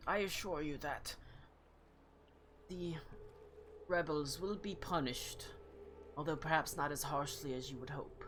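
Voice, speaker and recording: A man voicing a grave, commanding older woman who leads a noble house, in a hushed and formal manner during a tabletop game. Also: a little high, steady tone, a little slow, long pauses, slight background noise. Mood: formal, gracious. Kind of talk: tabletop role-play voicing.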